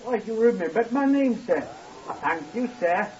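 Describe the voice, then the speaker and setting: A man's voice: sits high, animated, a little slow, a little mellow. An eager lift boy. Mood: eager, deferential. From Blackpool, Lancashire. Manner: deferential, ends nearly every phrase with "sir". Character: eager simple-minded young male hotel lift attendant. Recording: hissy, dull 1950s radio broadcast.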